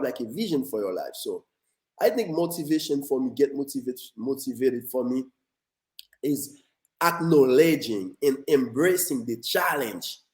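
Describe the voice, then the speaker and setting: A Haitian man with a Haitian accent, a motivational speaker appearing as a guest on an interview show, earnestly tells his life story and often repeats words as he goes. His voice is mid-range with a darkish tone. The room is echoey.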